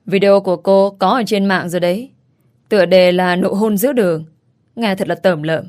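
A woman's voice: medium pitch, moderate pace, darkish tone, lightly acted. Woman reading a harsh scornful father.

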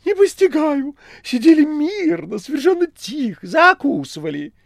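Бегемот: визгливый хвастливый кот-демон. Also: male voice, normal speed, gravelly, full character voice. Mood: excited. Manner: shrill, breathless, theatrical excitement. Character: boastful fat demon cat-man, excitable. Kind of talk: audiobook reading.

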